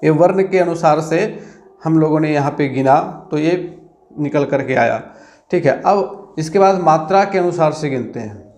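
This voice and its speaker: A man's voice: a little high, moderate pace, a little mellow. A man teaching an exam-prep grammar lesson, counting syllables aloud and checking in with "theek hai" after each point.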